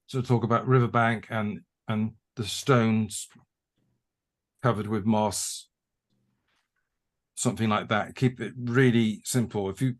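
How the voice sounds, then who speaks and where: A man tutoring a haiku workshop over a video call, talking in halting restarts as he thinks aloud. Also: on the low side. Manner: halting, repeats words while thinking. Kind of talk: conversational teaching.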